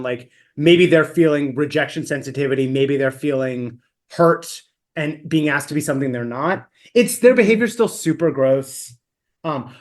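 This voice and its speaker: A podcast co-host in a casual book discussion, thinking aloud and reflecting on the characters. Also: mid-range voice.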